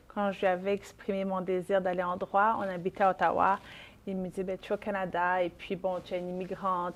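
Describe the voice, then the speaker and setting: Quebec french lady lawyer in an interview, steady middle pitch, pauses a lot. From Haiti. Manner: measured, with frequent hesitations. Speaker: family lawyer, guest. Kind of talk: conversational interview.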